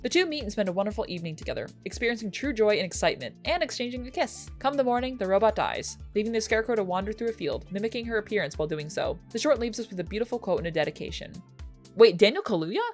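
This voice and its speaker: Young female film reviewer, sarcastic and profane, lively swooping delivery, faint music under her. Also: rapid-fire, few pauses. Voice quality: sarcastic, swears freely. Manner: animated, pitch jumps for jokes. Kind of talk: casual chat.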